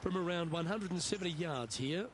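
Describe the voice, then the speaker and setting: Understated male golf commentator played by an actor, higher-than-average voice, game broadcast style, clear outdoor noise behind. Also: a little fast, lightly acted. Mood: measured, understated. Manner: understated, short remarks on each shot.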